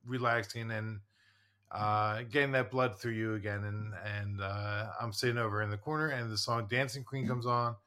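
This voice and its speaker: A man in his forties co-hosts a casual podcast, rambling through his stories with plenty of fillers and restarts. His voice is bright and forceful. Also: lowish voice, steady tone, normal speed. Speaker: podcast co-host, therapist. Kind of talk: casual chat.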